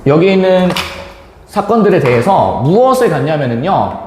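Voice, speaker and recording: Animated man lecturing in an echoey classroom. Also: fairly high pitch, moderate pace, slight background noise. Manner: animated, slangy, acts out quoted voices. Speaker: Korean literature lecturer. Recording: echoey classroom with long reverb.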